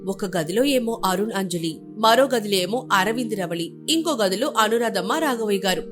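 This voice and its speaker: A woman narrating an animated family story in a dramatic storytelling manner. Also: medium pitch, normal speed, music in the background.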